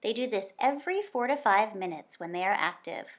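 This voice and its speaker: This woman reads a children's nonfiction picture book aloud in a medium-pitched voice. Her style is that of a teacher: expressive, deliberate, storytelling.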